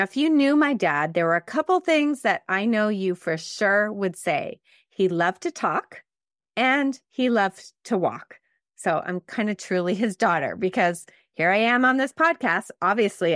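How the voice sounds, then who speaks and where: A middle-aged woman from Canada hosts a podcast, talking in a chatty, warm and reflective way. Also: mid-range voice, big pitch swings, a little slow, dry recording, studio quality. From Montreal, Canada. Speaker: podcast host. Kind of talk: casual solo podcast talk.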